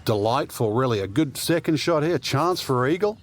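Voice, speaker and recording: A man's voice: mid-range voice, expressive, normal speed. Male golf commentator, conversational analyst, noisy background. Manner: conversational, explains in asides.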